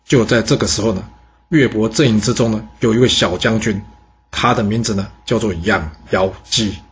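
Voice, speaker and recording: A man narrating a history story in a lively, animated way. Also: lowish voice, moderate pace, husky. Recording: dull lo-fi recording.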